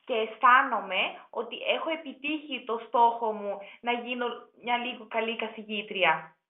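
A woman language teacher on a video call, patiently explaining words step by step and switching between languages. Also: on the high side. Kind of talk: online language tutoring. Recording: tinny call line, roomy echo.

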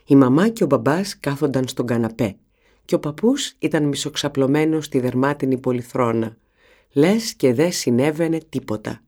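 A narrator reading a children's novel aloud in an expressive storytelling manner. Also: mid-range voice. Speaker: audiobook narrator.

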